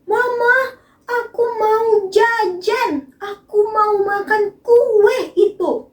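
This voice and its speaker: A woman's voice: drawn-out words, exaggerated voice. A woman voicing a demanding little child who whines for treats. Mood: pleading. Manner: high pleading wail. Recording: roomy, from far off.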